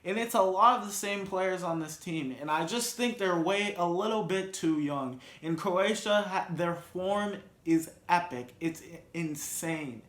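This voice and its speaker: Vlog host, male, slow-talking, slightly high voice, rambles and restarts, roomy echo. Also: fairly bright tone. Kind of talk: casual sports and reality-show commentary.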